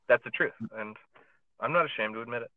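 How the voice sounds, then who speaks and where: Parked in his car, a man co-hosts a podcast in a casual, rambling chat packed with fillers and restarts. He speaks fast at a medium pitch with no room sound. A phone running a podcast app captures him, producing a tinny phone-line sound.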